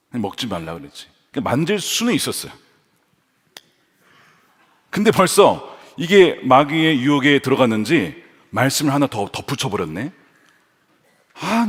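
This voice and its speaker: A man's voice: a little high, a bit bright. A male pastor delivers an emphatic sermon in a church hall, asking the congregation rhetorical questions.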